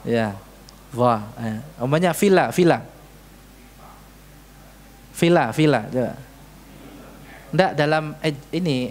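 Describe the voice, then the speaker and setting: Pria guru tajwid bertempo pelan. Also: male voice, a little high. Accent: Indonesian. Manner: questions the audience often, demonstrates Arabic sounds slowly. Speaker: Quran recitation teacher. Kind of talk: tajwid lesson with live recitation examples. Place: mosque prayer hall.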